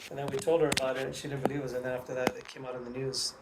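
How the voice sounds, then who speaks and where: A man's voice: mid-range voice, racing. A middle-aged father answering questions in a casual family interview and telling old stories with small chuckles. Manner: relaxed storytelling with chuckles. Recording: faint background noise with clicks.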